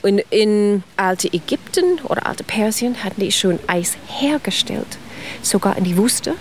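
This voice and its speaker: A woman's voice: mid-range voice, lively intonation, measured pace, a little mellow, slight background noise. Enthusiastic woman guest explaining in a radio interview. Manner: speaks German with frequent grammar slips, as a non-native speaker. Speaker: guest ice cream expert.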